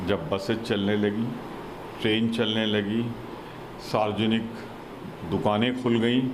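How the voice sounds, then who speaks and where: Politician guy, kinda low voice, big echo all around him, noisy clip, short careful phrases. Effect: strong room echo on the voice. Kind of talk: recorded statement to the press. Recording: echoey noisy clip played into a broadcast.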